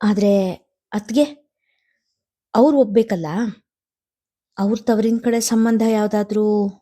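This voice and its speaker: A woman's voice: mid-range voice, steady tone, takes it slowly, warm tone. A woman voicing a worried middle-aged mother who talks to her elder brother in an anxious, hesitant way.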